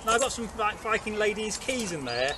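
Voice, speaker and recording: Outdoors in a leafy garden, a higher-pitched, very animated man with a Derbyshire East Midlands accent briskly shows and explains things as a co-host, Viking re-enactor and craftsman. The camera sits a few metres away, and birds and distant traffic fill the noisy recording.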